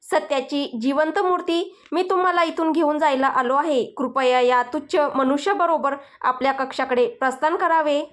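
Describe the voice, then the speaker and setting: A woman's voice: high voice, normal speed, few pauses, lightly acted. A woman voicing a teasing, stubborn young husband in a storybook. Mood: mocking. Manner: teasing, mock-formal, stubborn. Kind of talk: storybook dialogue.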